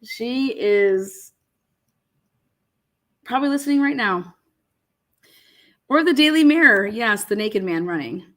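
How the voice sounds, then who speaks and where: Animated laughing woman livestream host. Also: on the high side, takes it slowly, long pauses. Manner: laughs often, swears casually, animated. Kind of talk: casual livestream chat reading viewer comments.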